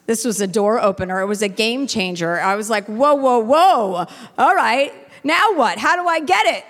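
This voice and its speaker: A woman hosting a live stage talk, blunt and self-deprecating, quick to joke. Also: fairly high pitch, in a large hall. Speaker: host. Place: live venue with an audience.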